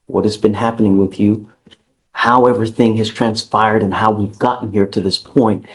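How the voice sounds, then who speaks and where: A man's voice: fairly low pitch, a little mellow, poor audio. A man presiding as judge in a courtroom, lecturing a defendant in a stern, exasperated way. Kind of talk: courtroom ruling.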